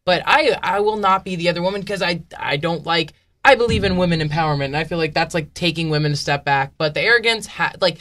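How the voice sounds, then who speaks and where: A woman's voice: lowish voice, fast talker, hardly any pauses, a bit bright. A woman co-hosting a podcast, talking candidly and bluntly in casual chat, laughing often. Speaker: podcast co-host.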